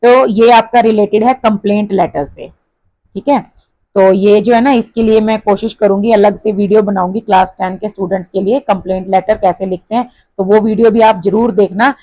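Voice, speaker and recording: An Indian-accented woman teacher explains an exercise from a textbook, switching between Hindi and English and reading sample sentences deliberately with stress. Her voice is medium-pitched and mellow, captured on a rough recording without any room sound.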